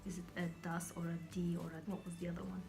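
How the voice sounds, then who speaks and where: A young Kazakh woman vlogs casually to her viewers over music, her voice fairly low and flat, quick-paced and full of vocal fry. She rambles and hunts for words, using lots of fillers, restarting sentences, and sometimes slipping into a whisper.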